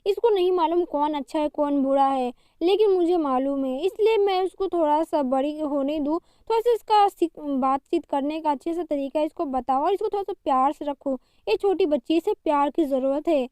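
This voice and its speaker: Very high-voiced woman retelling a drama. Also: moderate pace, hardly any pauses, dark tone, dry recording. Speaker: drama recap narrator. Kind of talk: casual storytelling recap.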